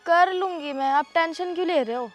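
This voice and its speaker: A woman's voice: very high-pitched, fairly quick, soft background music. An actress playing an anxious young village woman hiding a romance, with a pleading manner. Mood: worried.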